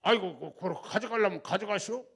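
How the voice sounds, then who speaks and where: A man voicing a chummy, excitable Jeolla landowner who drawls in a familiar way. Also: brisk, gravelly, breathy edge, exaggerated voice. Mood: giving in. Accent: Jeolla dialect. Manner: loud, high, drawling and familiar.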